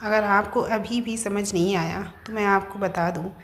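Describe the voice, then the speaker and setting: A woman's voice: medium pitch, steady tone, normal speed, reverberant, a little hiss or hum, natural voice. A woman voicing a smug young mistress who mocks the wife, in a narrated story. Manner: smug, mocking.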